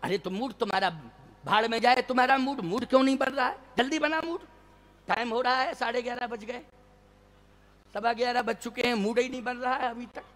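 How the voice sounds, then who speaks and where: A stern royal father who loses patience and barks at his guests to hurry up, played by a man. He scolds sharply and then proclaims his decree in drawn-out, chanted verse. The voice sits very high. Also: a bit bright. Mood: impatient. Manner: scolding, impatient. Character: stern royal father announcing a contest, male.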